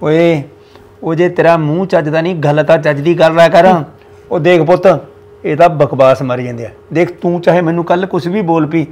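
A man's voice: a little high, fairly even intonation, brisk, a little mellow, lightly acted. An actor playing an older village father-in-law with a Punjabi accent who lectures his family about honour. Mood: scolding. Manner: scolding, lecturing.

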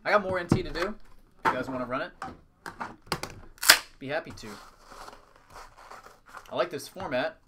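A man's voice: a little high, moderate pace, long pauses, very noisy. A man hosting a live trading card break, calling out items in short, clipped announcing phrases. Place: indoors at a tabletop with a display backdrop.

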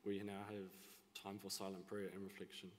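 A young male voice reads a short prayer quietly and evenly at a lectern. The voice sits low and sounds set back from the mic. A long chapel reverb surrounds it. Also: completely flat delivery, moderate pace, a little hiss or hum. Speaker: student leading prayer. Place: large school chapel, at a lectern.

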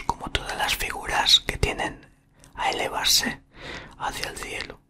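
A man reads aloud in a breathy, unvoiced ASMR whisper with a bright, airy edge. He takes it slowly and haltingly, murmuring right up against the microphone. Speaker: ASMR content creator. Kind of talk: whispered ASMR reading from a book. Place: small room indoors. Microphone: desktop condenser microphone, very close.

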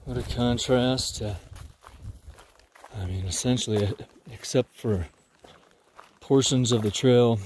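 A man's voice: medium pitch, takes it slowly, pauses often, a little mellow, slight background noise. A man vlogging casually on a forest trail, rambling with many fillers. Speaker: thru-hiker vlogger.

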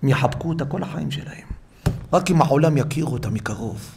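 A man, a rabbi, delivering a sermon in a synagogue, telling stories with strong emotion, repeating phrases for emphasis and swinging between loud and soft. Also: fairly high pitch, animated, creaky, a little hiss or hum. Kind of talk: sermon with storytelling.

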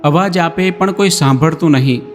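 Guy reading a moral story, measured, slightly high voice, big reverb + music. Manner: measured, addresses listeners as friends. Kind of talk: scripted moral-story narration. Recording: long reverb, background music.

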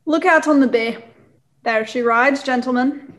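A young woman playing a blustering, boastful gentleman squire in a radio play, pompous and excitable. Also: high-pitched, a little slow. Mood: boastful, excited. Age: young adult.

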